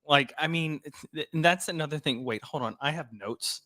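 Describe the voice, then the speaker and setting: A man's voice: a little high, normal speed, bright, forceful tone. Wry man, sassy comebacks. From Louisiana. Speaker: guest co-host. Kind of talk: casual chat.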